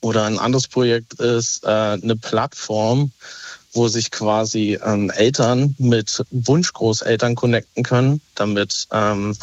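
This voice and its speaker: A man's voice: fairly low pitch, no room sound. A man from Berlin in his thirties, calling in to a radio show and explaining himself hesitantly, full of fillers and restarts. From Berlin, Germany. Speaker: caller. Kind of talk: casual phone-in chat. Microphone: telephone. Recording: dull lo-fi phone line.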